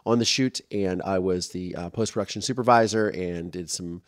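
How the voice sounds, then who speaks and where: Chatty low-voiced male podcast host. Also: moderate pace, dry recording, studio quality. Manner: chatty, rambling, with many fillers and restarts; openly emotional, voice softening when moved. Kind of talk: casual podcast monologue.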